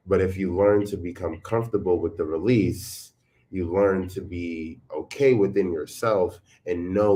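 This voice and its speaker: A man talking in a relaxed, earnest and reflective way in a casual conversation. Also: sits low.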